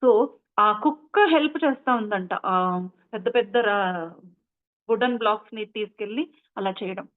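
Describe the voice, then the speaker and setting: A woman's voice: mid-range voice, normal speed, pauses often. A woman meditation teacher retelling a story in a chatty, explanatory way, full of asides. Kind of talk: storytelling talk. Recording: tinny phone-like line.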